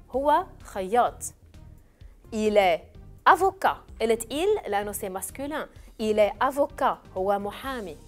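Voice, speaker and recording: A woman teaches French vocabulary in a TV lesson, her fairly high voice rising and falling a lot. She drills each word slowly and spells it letter by letter. Soft music plays in the background. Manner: slow, clearly spelled-out drilling of words. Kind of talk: televised classroom lesson.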